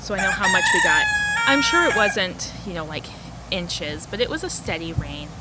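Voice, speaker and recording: A woman's voice: lowish voice, big pitch swings, moderate pace. A woman chatting casually and informally to camera outdoors, rambling a little as she hosts a home gardening vlog. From lives in the Arizona desert, US. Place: outdoors in a backyard garden and porch. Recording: noisy outdoor recording with ambient sounds. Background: rooster crowing, chickens, outdoor ambience.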